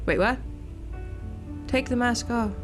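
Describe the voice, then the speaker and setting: This woman speaks slowly in a voice on the high side, narrating a horror story game on her gaming channel. Her commentary is unscripted and full of swearing, and soft game music runs underneath.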